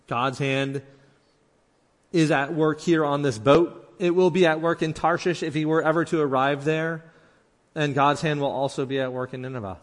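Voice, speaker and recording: A man's voice: fairly high pitch, steady tone, moderate pace, long reverb tail. A man preaching a sermon in an earnest way, acting out the lines he quotes and often restarting his words. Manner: earnest, acts out quoted speech, many restarts.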